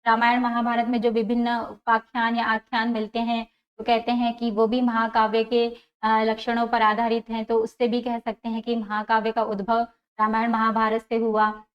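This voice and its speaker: A woman's voice: a little high, completely flat delivery, moderate pace. A woman teaching an exam-prep lecture, explaining step by step, repeating key terms and asking and answering her own questions. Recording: dull lo-fi sound.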